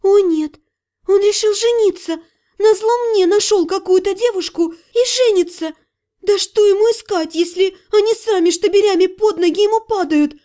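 A woman voicing an impulsive, emotional young woman mage in an audiobook, high, urgent and tearful. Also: animated, a little slow, dark tone. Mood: excited, anxious.

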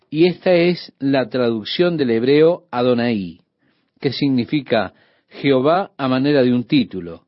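A man's voice: mid-range voice, no room sound, muffled recording. A man teaching a Bible study on the radio, explaining steadily and speaking directly to the listener.

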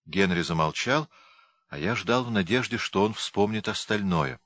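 A man narrating an audiobook in a calm, measured storytelling manner. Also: on the low side.

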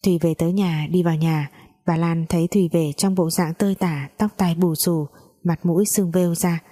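Female storyteller, mellow and low, chatty narration. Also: steady tone, moderate pace.

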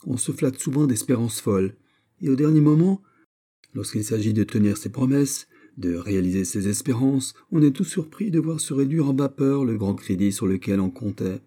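A man voicing an indignant elderly noblewoman who scolds in loud, shrill outbursts in a storybook reading. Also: lively intonation, normal speed, lightly acted. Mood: scornful.

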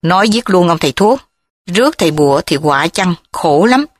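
A woman's voice: fairly low pitch, expressive, normal speed, no room sound. A woman voicing a worried old grandfather who talks in an anxious, pleading way.

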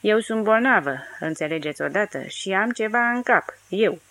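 A woman's voice: mid-range voice, expressive, natural voice. A woman voicing a drunk, crude, hysterical young woman with coarse, mocking outbursts. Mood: shrill, crude.

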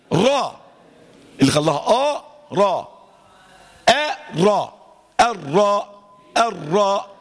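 The speaker, a middle-aged Egyptian whose voice runs a little high, gives a class a live lesson in tajweed. He is lively and full of jokes, slowly elongating letters to show how they are recited.

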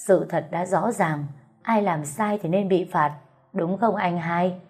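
A woman voicing a calm, measured young husband in an audio story. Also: on the low side, slightly rough, soft background music.

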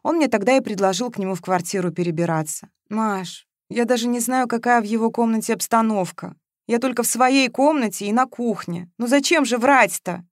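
A woman voicing a calm, sensible female friend who talks in a low, subdued, confiding way. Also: brisk, dry recording, clean studio sound, close to an everyday voice.

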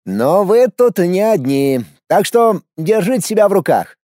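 A man's voice: high-pitched, lively intonation, moderate pace, dark tone, no room sound, voice pushed up. A cocky young male musician who drawls his mocking remarks, as a narrator puts him on. His voice is lifted above the reader's own and swings freely. The reading is close and dry. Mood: cocky, sardonic.

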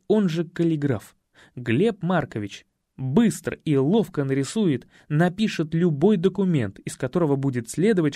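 A man narrating a first-person audiobook in a wry, measured storytelling manner. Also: on the high side, mellow, no room sound, clean studio sound.

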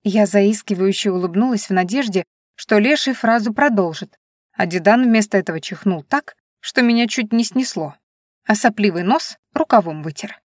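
A woman tells a first-person fairy tale as an audiobook, lively and wry, at a middling pitch. Her voice is dry and close, with no room around it. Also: moderate pace, no room sound. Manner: lively, ironic storytelling. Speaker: narrator.

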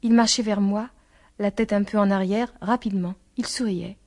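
Woman audiobook narrator, mid-pitched, measured literary reading. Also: fairly even intonation, darkish tone.

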